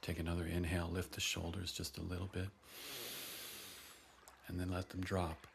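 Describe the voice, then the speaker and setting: A man guiding a breathing and voice meditation, giving soft, gentle, unhurried instructions between long audible sighs. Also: low-pitched, completely flat delivery, creaky, noisy background. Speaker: breathwork and voice teacher.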